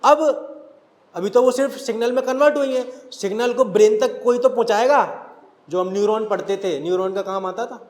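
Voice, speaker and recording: Male teacher, very high voice, echoey classroom sound, asks and answers his own questions. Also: brisk, darkish tone. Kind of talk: classroom lecture.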